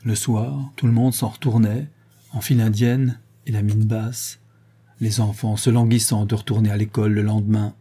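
Husky, dark-voiced male narrator. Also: on the low side. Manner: measured, steady reading. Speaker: audiobook narrator. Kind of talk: scripted narration of a crime story.

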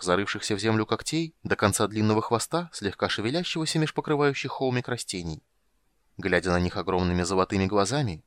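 A man narrating a fantasy audiobook in an even, measured reading. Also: low voice, no echo.

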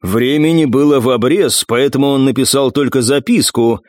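A man's voice: medium pitch, normal speed, darkish tone, no room sound, clean studio sound, natural voice. A man voicing a falsely polite male assassin in an audiobook, insistent and clipped. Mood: urgent.

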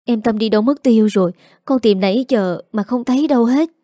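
A woman's voice: on the high side, fairly quick, mellow, no room sound, clean studio sound, lightly acted. A woman voicing a young female servant girl in a storybook, stammering and frantic. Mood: panicked.

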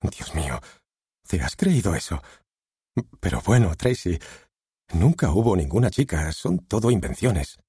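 A man's voice: deep voice, big pitch swings, a little slow, long pauses, dark tone, breathy edge, no echo, clean studio sound, full character voice. Steven, a curt, evasive husband, read by a man. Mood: defensive. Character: evasive, defensive husband, middle-aged man.

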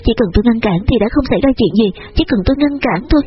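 A man's voice: very high-pitched, lively intonation, racing, lo-fi sound, soft background music. A man voicing a distraught pleading young woman. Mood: guilt-stricken. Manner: desperate, pleading, repeating herself.

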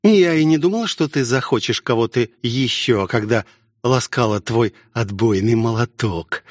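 A man's voice: fairly high pitch, measured pace, no echo, clean studio sound, pitched above the performer's own voice, lightly acted. A man voicing a spiteful, scheming young woman pilot with a mock-sweet, sneering manner, in an audiobook reading.

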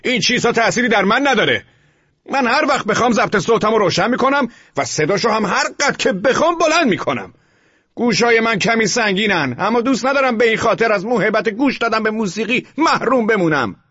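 A man voicing a loud, brash, bullying male neighbor who shouts and mocks, in an audiobook reading. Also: sits high, lively intonation, breathy edge, dull audio, pitched above the performer's own voice, full character voice. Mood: furious shouting. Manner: shouting, mocking, overbearing.

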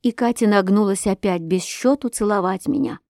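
A woman narrating a classic novel as an audiobook, measured and expressive. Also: medium pitch, dry recording, studio quality. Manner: slow, measured, expressive reading.

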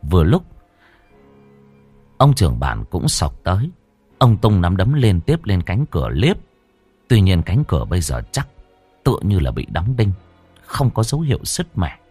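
A man with a fairly low voice narrates a horror story. His storytelling is dramatic and lively, and his pitch moves a lot. The recording is close and dry. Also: normal speed, long pauses, husky, no room sound, soft background music.

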